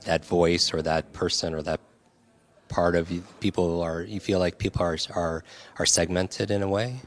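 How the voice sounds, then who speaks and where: A male podcast host asking thoughtful, probing questions in an interview. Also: sits low.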